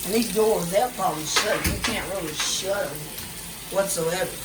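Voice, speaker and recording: At a moderate pace and high pitch, a man vlogs a loose walkthrough of his condo kitchen, stumbling over fillers and restarting sentences. Running water and appliance noise fill the recording from beside a running washer indoors.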